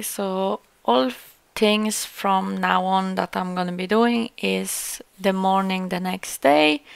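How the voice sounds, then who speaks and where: Slow, gravelly-toned woman narrating casually. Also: mid-range voice, no room sound. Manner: relaxed, chatty, slightly halting. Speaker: cleaning vlogger.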